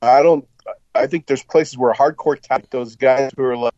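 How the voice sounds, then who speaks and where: A man talking in a casual discussion over an online call in halting bursts with many restarts, his audio cutting in and out with uneven volume. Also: mid-range voice, steady tone, a little mellow, no room sound. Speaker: panel guest. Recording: dull, dry, dropping-out call audio.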